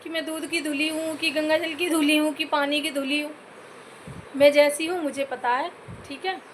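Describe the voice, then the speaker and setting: Woman vlogger, high pitched, scolding, pleading, faint background ambience. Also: steady tone, moderate pace, a little hiss or hum. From Uttar Pradesh, India. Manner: scolding, repeatedly addressing listeners as "bhai"; earnest, pleading for comments. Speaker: YouTube vlogger. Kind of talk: direct-to-camera commentary rant.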